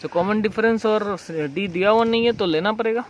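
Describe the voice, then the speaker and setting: A man's voice: high voice, steady tone, a little fast, lo-fi sound, slight background noise. A man teaching a recorded math lesson, walking through each step and asking and answering his own questions. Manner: explains step by step, repeats questions and answers them himself.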